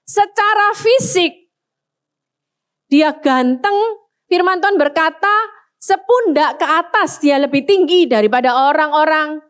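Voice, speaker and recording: A woman's voice: high voice, measured pace, long pauses. A woman pastor with an Indonesian accent preaching a sermon, speaking directly to the congregation, slipping in English phrases and acting out the voices of proud people. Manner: animated, acts out proud speakers in a raised voice; addresses congregation as Bapak Ibu.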